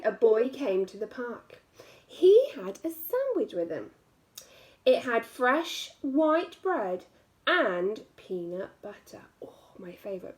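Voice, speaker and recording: A woman's fairly high, slightly mellow voice carries a picture book reading for young children. As their teacher, she lengthens key words expressively and adds little asides directed at them.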